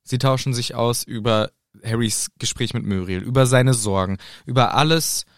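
A man's voice: medium pitch, normal speed, no echo, clean studio sound. A man co-hosting a podcast, retelling a book chapter in casual, jokey chat. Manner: animated, jokey. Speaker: podcast co-host.

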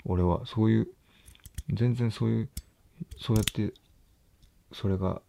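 A young man mutters nervously to himself, close to the mic, late at night at home. His voice is low, dark and gravelly, with a faint hiss of background noise. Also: steady tone, measured pace. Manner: mumbling, nervous, talks to himself softly. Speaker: vlogger. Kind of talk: quiet late-night self-talk.

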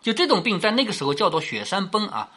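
A woman's voice: mid-range voice, sing-song, quick pace, fairly bright tone, breathy edge. A woman telling and explaining a classic novel in a chatty way, often asking rhetorical questions. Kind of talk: explanatory storytelling lecture.

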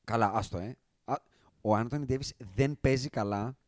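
A man hosting a casual sports podcast, talking emphatically with big swings in loudness. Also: medium pitch, no echo, studio quality. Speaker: podcast host.

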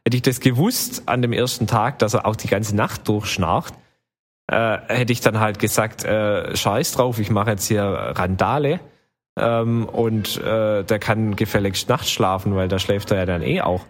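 A man's voice: lowish voice, unhurried. A man telling a long travel story in casual chat, rambling with many fillers. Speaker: podcast co-host telling travel stories.

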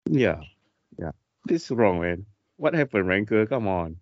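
Halting, laughing man on a lo-fi podcast. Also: fairly low pitch, very animated, dry recording. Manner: halting, repeats himself, laughs often. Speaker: podcast co-host. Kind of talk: casual chat. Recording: dry, dull lo-fi sound.

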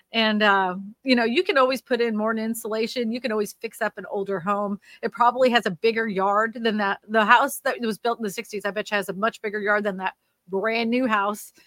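Her mid-range voice is steady and fairly bright, and she talks briskly over a dry recording. She's a woman from Louisiana, USA, chatting casually on a livestream about the housing market and reading out comments, slightly nasal and rambling, full of fillers and restarts.

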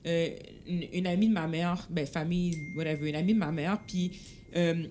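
A woman's voice: fairly low pitch, fairly even intonation, normal speed, darkish tone, slight background noise. A woman with a Quebec French accent arguing her point in a casual discussion, dropping English words into her French.

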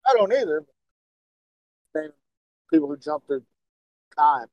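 A man co-hosting a casual podcast, talking excitedly and speculating, often stumbling and repeating words. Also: a little high, slow, dry recording, dull audio. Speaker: podcast co-host.

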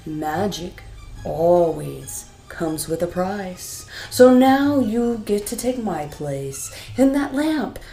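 A woman voicing a stern, sly male genie who speaks in slow, drawn-out warnings. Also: fairly low pitch, warm tone, echoey room.

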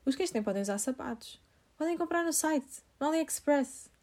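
A woman mimicking an odd stranger she met, a woman who talks in a high, childish, sing-song way. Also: lively intonation, moderate pace, darkish tone.

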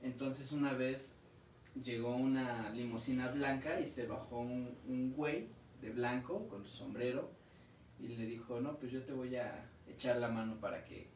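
A man's voice: medium pitch, fairly even intonation, a little slow, darkish tone, distant mic, slight background noise. Mexican guy, casual slangy podcast chat, lots of cussing, off-mic in an echoey room. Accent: Mexican Spanish. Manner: slangy, swears freely, retells stories with restarts.

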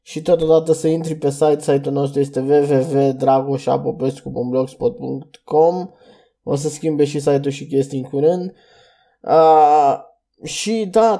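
A young man talks through a solo podcast review, rambling and chatty. His voice sits a little high but sounds mellow and warm. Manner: chatty, loose and rambling, with restarts and fillers. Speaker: podcast host.

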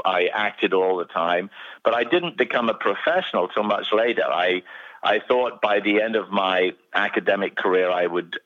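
Englishman, very low voice, heard over the phone, chatty storyteller, muffled line. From England. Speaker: phone-in guest. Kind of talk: radio interview. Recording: dull phone-line sound.

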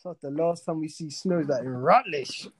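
A man's voice: on the high side, normal speed, slightly rough, no echo. A man with a London roadman accent, chatting casually in laid-back slang on a podcast. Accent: London roadman, urban slang. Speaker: podcast panellist. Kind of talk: casual chat.

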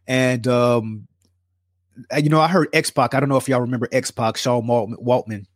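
A man's voice: medium pitch, steady tone, normal speed, no echo, studio quality. Rambling podcast co-host man. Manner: rambling, many fillers, earnest. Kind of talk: casual chat.

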